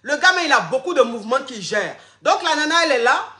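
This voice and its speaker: A woman coaches her live-stream audience on love and relationships. Her voice sits high and rings bright. She repeats key phrases over and over and calls her viewers darling. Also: big pitch swings, quick pace, echoey room. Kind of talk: live-stream advice talk.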